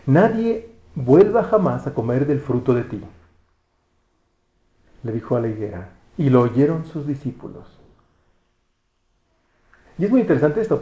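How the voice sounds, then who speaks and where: Preacher with a mellow, echoey voice. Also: male voice, medium pitch. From Mexico. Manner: conversational, restarts words, asks rhetorical questions. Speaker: pastor. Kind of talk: sermon.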